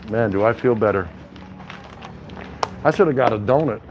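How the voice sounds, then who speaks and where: A man vlogs live as he walks around a city, pausing at a convenience store, and rambles to his viewers in a casual, slangy, folksy manner. He has a fairly low voice at normal speed, and the recording's highs are cut off. Traffic, vehicle and street noise, plus ambient sound, can be heard behind him.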